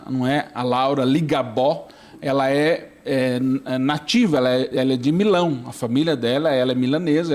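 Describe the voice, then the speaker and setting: A man's voice: medium pitch, a little mellow. A middle-aged man, a priest on a talk show, chatting loosely and keeps tagging his sentences with a question for agreement. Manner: chatty, keeps asking "não é?". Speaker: priest, studio guest. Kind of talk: casual talk-show conversation.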